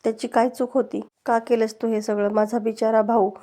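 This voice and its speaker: A woman voicing a scheming woman villain who fakes grief and mocks, in a flat, mellow read. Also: normal speed, close to an everyday voice. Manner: mocking, threatening in low tones.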